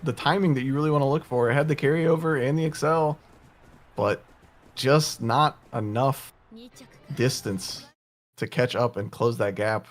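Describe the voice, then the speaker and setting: A man giving relaxed, analytical color commentary on a game tournament. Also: mid-range voice, normal speed. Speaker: co-caster analyst.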